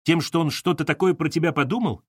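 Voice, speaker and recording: A man's voice: on the high side, quick pace, husky, dry recording, clean studio sound, voice pushed up. A man reading an audiobook, voicing a stern, commanding older mother who lectures her daughter. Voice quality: stern, authoritative.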